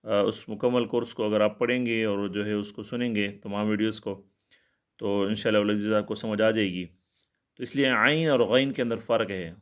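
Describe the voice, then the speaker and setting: Low-voiced man teaching Quran recitation. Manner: plain, explanatory and repetitive, with filler pauses. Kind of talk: recitation lesson with explanations.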